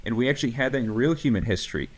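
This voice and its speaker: Racing along in an animated, mid-range voice, a strength coach co-hosting a podcast rants with passion in a casual style. His talk is peppered with swearing, filler words, and false starts.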